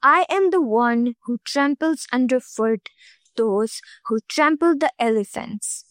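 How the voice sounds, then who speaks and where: A sly male frog from a storybook bellows that he is the strongest of all, as a woman storyteller plays him. He speaks slowly, with a fairly high pitch and a dry, close sound. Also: no echo. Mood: grand. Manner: shouting grand boasts. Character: clever male frog posing as mightiest creature.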